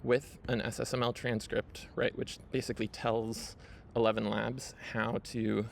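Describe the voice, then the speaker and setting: A man hosting his own video talks viewers through his screen at a measured pace, his creaky, medium-pitched voice staying fairly level. The walkthrough is casual, packed with fillers and "right?" tags, with a touch of hiss or hum.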